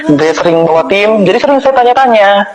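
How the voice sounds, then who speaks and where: A man's voice: high-pitched, expressive, brisk, a crowd in the background, poor audio. A man giving an impassioned personal testimony of conversion, repeating phrases for emphasis.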